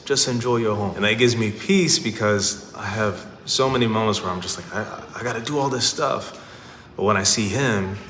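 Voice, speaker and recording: Earnest man, low voice, echoey home. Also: a bit bright, slight background noise. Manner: earnest, direct, practical advice. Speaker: lifestyle vlog host. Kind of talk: advice vlog talk to camera. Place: his home, indoors. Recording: echoey room with long reverb, faint ambience.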